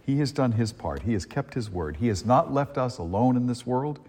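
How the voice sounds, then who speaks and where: A middle-aged or older man speaking as a priest at a church service, with a husky voice and an unhurried, conversational delivery that repeats phrases, echoing through a large church. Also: medium pitch, animated, a little mellow. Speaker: priest preaching at a Christmas service. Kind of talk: liturgical reading and homily. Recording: long cathedral echo in a large church.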